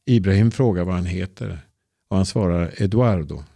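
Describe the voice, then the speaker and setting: A man reading a simple story aloud, slowly and clearly. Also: low-pitched, dark tone, no room sound. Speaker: narrator. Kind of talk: easy-Swedish storybook reading.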